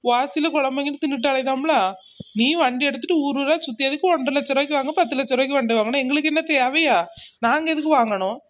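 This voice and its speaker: A woman voicing a loud, meddling village neighbor, blunt and taunting. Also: high voice, fast, close to an everyday voice.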